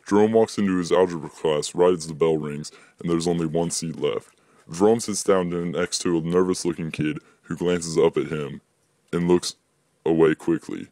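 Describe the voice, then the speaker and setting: A man's voice: fairly even intonation, moderate pace, darkish tone, no room sound. A young man reading his own short story aloud, lifting his voice for the dialogue. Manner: plain reading, voices dialogue with higher pitch.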